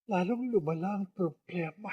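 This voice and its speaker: A man's voice: sits high, moderate pace, slightly rough, dry recording, lo-fi sound. A man playing a flustered, defensive husband in a radio drama, who stammers as he talks.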